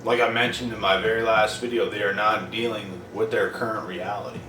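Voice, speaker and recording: A young man talks bluntly to the camera, swearing freely and hammering his points home by repeating them. His voice sits low. It reaches the mic from a distance in a roomy space with clear background noise. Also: steady tone, fairly quick. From Prince Edward Island, Canada. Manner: blunt, profane, emphatic repetition. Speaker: vlogger. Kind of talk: casual monologue to camera.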